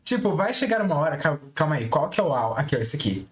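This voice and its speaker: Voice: medium pitch, very animated, fast, echoey room. A streamer chatting casually and giggly on a live stream, often repeating little words.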